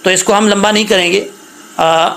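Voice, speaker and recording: A man teaching Quran recitation rules, spelling words letter by letter and chanting verses slowly, often checking that listeners follow. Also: high-pitched, steady tone, gravelly, fairly bright tone, slight background noise. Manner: slow, drawn-out chanting when reciting, patient explaining; checks understanding with repeated questions.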